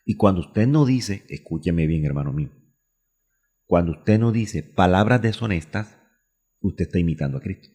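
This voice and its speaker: A man's voice: deep voice, lively intonation, moderate pace, mellow, husky, long reverb tail. A man from Colombia preaching a radio sermon, asking himself questions and repeating phrases for emphasis. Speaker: pastor.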